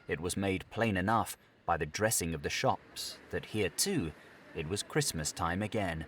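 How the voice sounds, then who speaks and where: Male narrator, low voice, animated pitch, slow unhurried pace, theatrical storytelling. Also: slight background noise. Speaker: audiobook narrator. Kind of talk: scripted narration.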